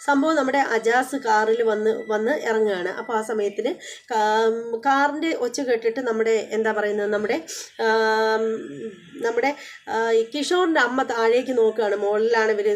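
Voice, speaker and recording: A woman's voice: fairly high pitch, normal speed. A woman hosting a TV serial review, casually retelling an episode, acting out dialogue and using many fillers. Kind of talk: casual spoken episode recap.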